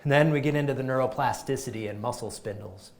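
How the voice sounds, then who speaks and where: A male chiropractor delivers a lively health talk to a live group, speaking emphatically and frequently starting his sentences over. His voice sits at a medium pitch and moves at a quick pace.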